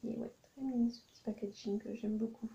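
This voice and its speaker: Woman, haul vlog, dark creaky voice, hesitant, dull lo-fi sound. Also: a little high, fairly even intonation, brisk. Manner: hesitant, many ums, thinking aloud. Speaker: YouTuber doing a shopping haul. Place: at home at night.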